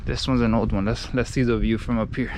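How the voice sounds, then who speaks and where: A man's voice: mid-range voice, steady tone, brisk. Man vlogging outdoors in noisy wind. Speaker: travel vlogger. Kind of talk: casual walking travel vlog. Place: outdoors on hilly old village streets. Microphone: action camera held at arm's length. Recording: windy outdoor noise on action camera.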